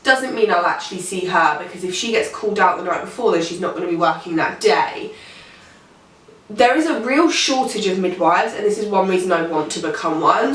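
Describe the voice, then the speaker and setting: A woman's voice: medium pitch, fairly bright tone, far from the mic. A pregnant young woman in her late teens, talks casually to camera. She rambles and fills her speech with "um" and "like". Her voice comes through an echoey room from a mic set back from her. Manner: rambling, chatty, many fillers. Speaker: vlogger.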